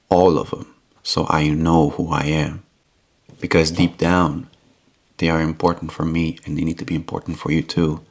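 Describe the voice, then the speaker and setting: A man from Romania talking earnestly to the camera in a rambling vlog monologue, often repeating himself. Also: a bass voice. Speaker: YouTube vlogger.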